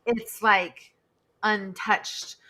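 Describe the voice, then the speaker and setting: A woman's voice: mid-range voice, steady tone, drawn-out words, a crowd in the background. A woman talking as a guest on a live stream from her home office, rambling with lots of fillers and restarts. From United States. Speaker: guest, social media consultant. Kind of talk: casual live-stream chat. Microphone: USB desk microphone.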